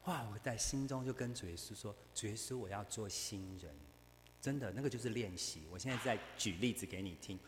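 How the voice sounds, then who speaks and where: A man's voice: on the low side, fairly quick, in a large hall, noisy background. A man preaching a sermon, telling a story and acting out both sides of the conversation.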